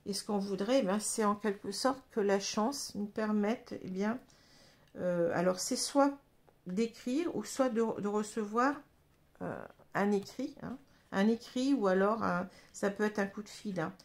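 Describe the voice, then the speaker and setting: A woman with a French accent reads tarot cards for her viewers in an unhurried, hesitant way, with plenty of fillers along the way. Her voice has a gravelly edge. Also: medium pitch. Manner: hesitant, many fillers, addresses viewers directly. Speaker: tarot reader. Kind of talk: casual tarot reading monologue.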